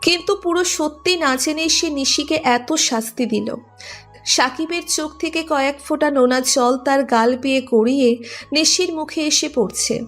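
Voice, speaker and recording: A woman's voice: high-pitched, normal speed, fairly bright tone, soft background music. A woman narrating a romantic audio story in a dramatic, scripted storytelling manner.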